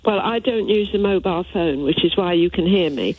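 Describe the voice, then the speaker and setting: A woman's voice: lowish voice, a little fast, breathy edge, dull audio. A woman chatting as a radio phone-in caller over a landline phone, earnest and a little hesitant, often repeating herself. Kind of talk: casual phone-in chat. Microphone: landline telephone handset.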